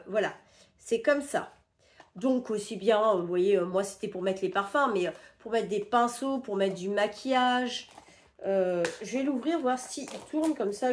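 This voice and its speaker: A woman from France chatting casually through a shopping haul, rambling with fillers and sounding sick and stuffy. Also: on the high side. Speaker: vlogger showing a shopping haul. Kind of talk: casual haul chat to camera.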